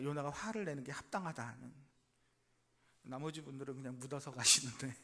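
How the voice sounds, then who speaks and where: A man preaching a sermon as pastor, dramatic, acting out quotes with big swings in loudness and asking the congregation questions. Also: a little high.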